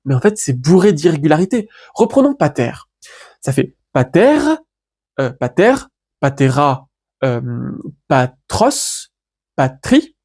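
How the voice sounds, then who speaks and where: A man's voice: on the high side, slightly rough. Chatty man teaching Greek grammar. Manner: relaxed and chatty, with many fillers and restarts, spelling out Greek endings slowly. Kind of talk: casual online grammar lesson.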